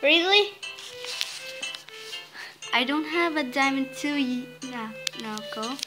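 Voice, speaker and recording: A woman giving casual commentary while playing a card game, excitable and bursting into squeals and complaints. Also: high voice, slow pace, poor audio. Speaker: gaming video host. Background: game music.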